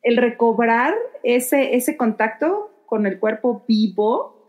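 A woman hosting a casual podcast, speaking in a thoughtful, searching way with soft fillers as she works through her ideas. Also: on the high side, takes it slowly.

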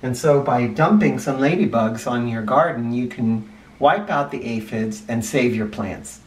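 A middle-aged first grade teacher reads a picture book aloud to young children, explaining simply and stressing key words in an unhurried, medium-pitched voice. A camera microphone a short distance away gives a roomy, distant sound.

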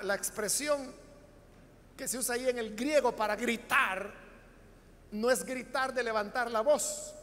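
A Salvadoran pastor with a strikingly high, bright voice teaches from the Bible, stopping often to ask his listeners rhetorical questions. His words ring out with a long reverb, as if he is preaching in a large church hall. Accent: Salvadoran Spanish. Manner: explanatory, addresses the congregation with rhetorical questions. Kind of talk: Bible study sermon.

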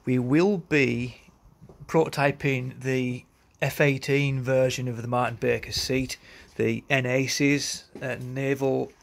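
Speaking slowly at medium pitch, with fairly even intonation and a creaky quality, a man presents a product outdoors. He walks around a concrete yard near outbuildings, holding the phone behind the camera, and sounds matter-of-fact yet slightly hesitant.

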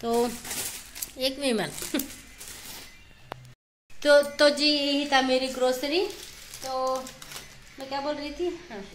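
A woman's voice: high-pitched, flat delivery, slow pace, long pauses, a little hiss or hum. Chatty woman vlogging from her kitchen. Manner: chatty, rambling, homely, frequent laughs. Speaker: vlogger, mother. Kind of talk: casual home vlog. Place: small home kitchen, indoors. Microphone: phone held at arm's length.

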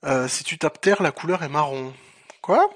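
A man's voice: on the high side, normal speed. A man playing an online game and chatting casually with teammates, often exclaiming and swearing. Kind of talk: casual chat during team gaming. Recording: noisy voice chat with clicks.

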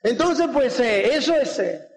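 A man's voice: very high-pitched, sing-song, a little slow. A man giving a motivational talk to an audience. He keeps checking in with tag questions and acts out little dialogues. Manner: peppers speech with tag questions like "do you get it?". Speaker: motivational speaker. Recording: long hall reverb.

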